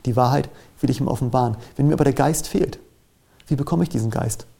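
Male preacher, earnest and measured; gravelly, warm low tone. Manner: earnest, measured preaching, reads scripture aloud with rising emphasis. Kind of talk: sermon.

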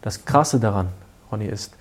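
A man earnestly recounting a personal experience in casual speech, halting now and then and dropping to hushed asides. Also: on the low side. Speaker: guest telling a personal story. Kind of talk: casual spoken storytelling.

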